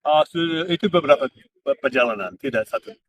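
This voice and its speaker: A middle-aged man, an English speaker, speaks Indonesian as a foreigner in a casual interview, halting as he searches for words. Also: a little high, animated. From Australia. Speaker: interview guest, former diplomat and interpreter. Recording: distant mic amid clear crowd chatter.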